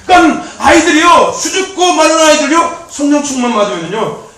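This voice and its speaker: High-voiced man preaching in an echoey hall. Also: fairly quick. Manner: animated, repetitive, laughing often. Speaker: youth pastor. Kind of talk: sermon. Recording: very echoey, distant mic.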